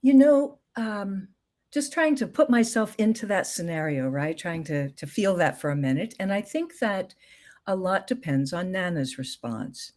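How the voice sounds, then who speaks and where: Gentle, thoughtful woman expert. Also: mid-range voice, lively intonation, unhurried. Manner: gentle, thoughtful, many fillers. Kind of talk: casual interview chat.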